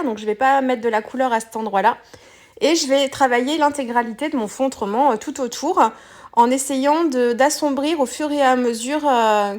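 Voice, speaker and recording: A woman with a voice a little higher than most talks through a craft project step by step. Her delivery is relaxed and unscripted. She pauses often with fillers and restarts her sentences as she works. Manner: hesitant, frequent fillers and self-corrections. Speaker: craft tutorial presenter. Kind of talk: casual step-by-step demonstration.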